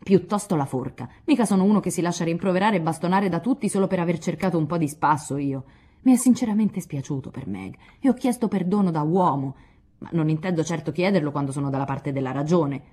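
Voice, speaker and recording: A woman's voice: lowish voice, quick pace, warm tone, husky. A woman reading aloud, voicing a hot-tempered, proud young man who blusters indignantly.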